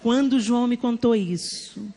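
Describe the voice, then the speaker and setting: A middle-aged woman with a Brazilian accent preaching a sermon, telling family stories with animated acted-out dialogue. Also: fairly high pitch, normal speed. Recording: long hall reverb, faint background noise.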